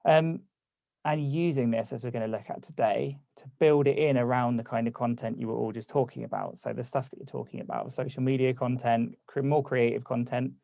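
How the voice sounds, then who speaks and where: This workshop host talks over a video call in a medium-pitched, creaky, warm voice that stays steady and moves fairly quickly. He is losing his voice but keeps things casual and chatty, reading out messages from the chat. The sound is lo-fi, with no room ambience.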